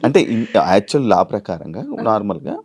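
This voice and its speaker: A woman interviewer asking probing, lively questions and humming along. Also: very deep voice, brisk, slightly rough.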